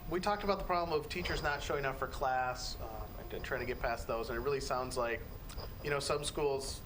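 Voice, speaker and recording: A male interview host with a mid-pitched voice and a casual, rambling way of asking questions. A clearly audible background noise runs under the recording. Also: brisk.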